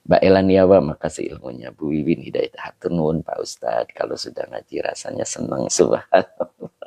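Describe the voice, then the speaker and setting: A man's voice: a bass voice, lively intonation, normal speed, creaky, mellow, no echo. A man as a religious teacher, closing his online lesson by greeting viewers and reading their comments in a chatty, laughing way, with Arabic phrases mixed in. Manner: chatty, laughing, switches between Indonesian, Javanese, Sundanese and Arabic. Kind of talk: casual livestream closing, reading comments aloud.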